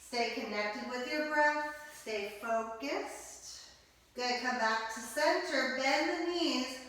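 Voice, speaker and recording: Gentle slow-paced woman guiding kids' yoga. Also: sits high. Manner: slow, gentle step-by-step cues. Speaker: yoga instructor. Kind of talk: guided kids' yoga class. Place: library room. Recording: roomy echo, voice from a distance.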